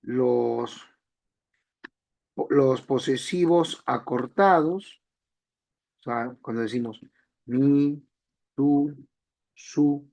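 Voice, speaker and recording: A man's voice: medium pitch, extremely slow, creaky, long pauses, a little mellow. A man teaching an online language class, explaining step by step and repeating key phrases.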